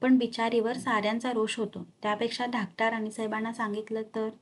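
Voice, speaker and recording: A woman's voice: a little high, flat delivery, fairly quick, close to an everyday voice. A woman reading a novel aloud and voicing a frail, ailing young queen who speaks weakly and wistfully. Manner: weak, wistful.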